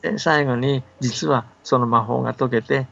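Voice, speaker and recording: In a steady, medium-pitched voice with vocal fry and a fairly bright tone, an older man talks at a moderate pace, patiently and casually explaining folktales on the radio as a scholar who often checks that the listener agrees. The recording is dull and band-limited, with faint background noise.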